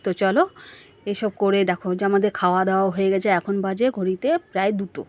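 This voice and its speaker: A woman's voice: mid-range voice, little pitch movement, fast talker, darkish tone. Chatty woman vlogger talking to viewers. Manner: chatty, talks straight to viewers, asking them questions. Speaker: family vlogger. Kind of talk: casual narrated home and outing vlog.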